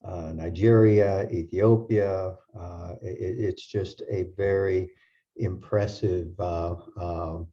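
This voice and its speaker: A man moderating a panel discussion, halting with many fillers and restarts. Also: low-pitched, steady tone, dark tone. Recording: dull lo-fi sound.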